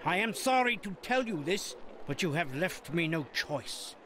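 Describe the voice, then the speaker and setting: A man's voice: high voice, very animated, measured pace, a bit bright, a little hiss or hum, exaggerated voice. A man playing a haughty Grand Librarian mage in a fantasy game, speaking in a formal, pompous, theatrical way. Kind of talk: fantasy strategy game character acting.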